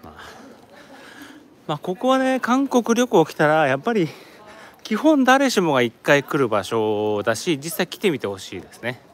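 A man's voice: a little high, animated, normal speed. A man from Japan chatting casually on a live stream while walking around an outdoor tourist site, rambling and answering viewer comments. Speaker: live streamer, office worker in Korea.

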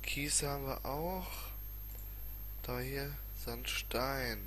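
Grumbling man over clear background noise. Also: medium pitch, slow, a bit bright. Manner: grumbling, muttering, colloquial exclamations. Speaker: let's player. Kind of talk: casual gameplay commentary. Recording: clearly noisy home recording with clicks.

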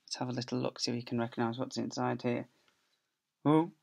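A middle-aged male school teacher reads a picture book to young children, playfully drawing out key words and adding sound effects. His mid-range voice is gravelly yet a little mellow, brisk in pace, with little pitch movement. A laptop webcam captures him at close range in a small office.

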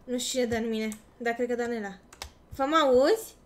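A woman streamer chatting casually during a game role-play session, quick and reactive. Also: a little high.

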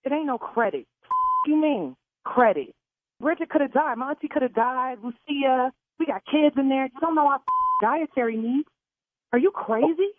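A woman's voice: sits high, moderate pace, no room sound. A woman on a phone call, outraged and cursing. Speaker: prank call target. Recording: tinny phone line.

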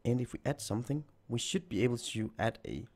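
With lively intonation and a brisk pace, a man whose mid-range voice is a little mellow leads a screen-recorded coding tutorial. This programming tutor is nearly losing his voice and thinks aloud as he types code.

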